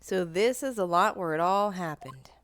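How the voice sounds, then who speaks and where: A woman's voice: fairly low pitch, moderate pace, slight background noise, close to an everyday voice. A woman with a cold voicing an earnest young male defense lawyer in a game read-through, delivered in a dry, level way. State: stuffy from a cold.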